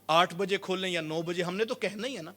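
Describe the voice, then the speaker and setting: A man preaching a sermon, telling stories with quoted voices and swinging between loud and soft passages. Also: high voice. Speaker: Islamic preacher.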